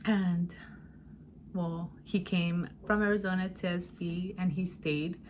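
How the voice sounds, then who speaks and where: A woman's voice: fairly low pitch, fairly even intonation, slow pace, a little mellow, a little hiss or hum. A young woman vlogger telling a casual story, rambling with lots of fillers and slipping into Spanish.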